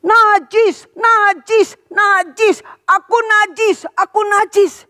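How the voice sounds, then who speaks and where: High, wailing cries from desperate sick men, acted by a woman telling a children's Bible story. The voice jumps well above her normal pitch and the words are stretched out. The sound is dry and close. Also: steady tone, takes it slowly, pushed and bright, no echo, exaggerated voice. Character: pleading sick men crying out for mercy.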